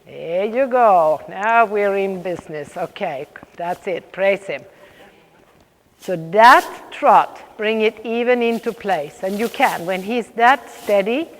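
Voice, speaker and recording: A woman coaching riding live, calling out brisk, projected commands in short repeated phrases, with brief praise between them. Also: medium pitch. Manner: directive, interspersed with brief praise. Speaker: riding clinician coaching horse and rider. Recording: echoey riding hall with background noise.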